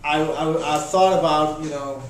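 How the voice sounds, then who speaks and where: A Danish man in his thirties, with a voice on the high side, gives casual interview answers as a volunteer volleyball coach. He speaks in an even, flat manner, halting often with fillers and restarting his sentences. He sounds far from the mic in a strongly echoing room, with a faint hiss in the background.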